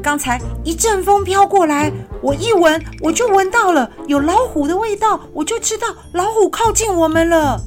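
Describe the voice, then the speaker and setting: A woman putting on a squeaky, fiery little hedgehog. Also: big pitch swings, unhurried, a bit bright, faint music behind, exaggerated voice. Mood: indignant. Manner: high squeaky indignant voice. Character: small boastful hedgehog, quick-tempered.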